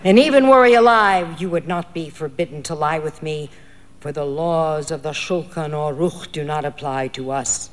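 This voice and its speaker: A woman reading a story voices a man posing as a demon, speaking in a hollow, booming, threatening way. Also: moderate pace, big-room sound, natural voice. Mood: persuading.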